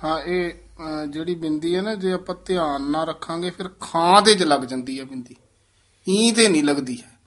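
A man teaching scripture recitation, correcting pronunciation and modeling each word slowly and carefully. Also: fairly high pitch, a bit bright. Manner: slow, deliberate, models each word syllable by syllable.

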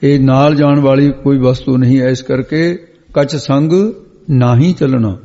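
Male preacher, dark mellow voice, word-by-word scripture sermon, lo-fi hall recording. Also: medium pitch, steady tone, a little slow. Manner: glosses each word, repeats phrases, corrects pronunciation. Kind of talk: line-by-line scripture exposition sermon. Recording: dull lo-fi sound with long hall reverb.

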